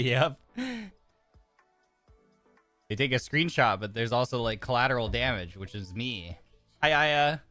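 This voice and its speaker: A man streams a card game, chatting casually and reading card text aloud, with frequent restarts and fillers. His mid-range voice has a sharp tone, and he sounds a little congested with a sore throat; there is no room sound.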